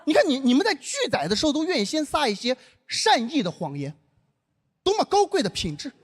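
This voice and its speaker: A young man from northern China tells a stand-up comedy story on stage and acts out every line of dialogue himself. His voice sits very high and swings widely in pitch. Clear audience noise is heard behind him. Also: very animated, a little fast.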